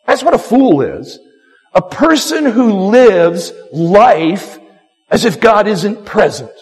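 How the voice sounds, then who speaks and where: A man preaching a sermon as pastor, animated and acting out quoted lines, often repeating himself. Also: sits high, slightly rough. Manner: animated, acts out quotes, frequent repetitions. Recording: long hall reverb.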